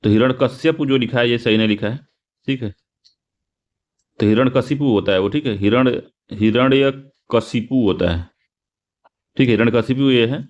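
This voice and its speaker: A man's voice: mid-range voice, a little fast, pauses often, darkish tone, lo-fi sound. A man teaching exam students, going through spelling and grammar questions and repeating each correct form several times while asking the class rhetorical questions. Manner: repetitive, drilling correct forms aloud, asking rhetorical questions. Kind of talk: explaining Hindi spelling and grammar quiz answers.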